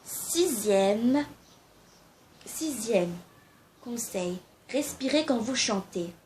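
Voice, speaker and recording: A woman's voice: on the high side, moderate pace, slight background noise. Chatty young woman giving casual tips. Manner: chatty, informal, hesitant with fillers, demonstrates singing. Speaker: amateur singing tips vlogger. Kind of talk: casual spoken tips to camera.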